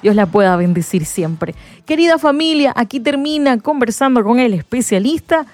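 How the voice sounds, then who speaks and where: A woman's voice: on the high side, lively intonation, moderate pace, darkish tone, soft background music. A woman radio host closing a segment and praising her guest effusively.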